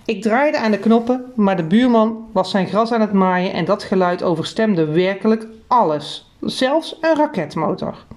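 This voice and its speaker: Woman narrator, children's storybook, expressive reading, mellow warm voice. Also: mid-range voice, a little slow, few pauses.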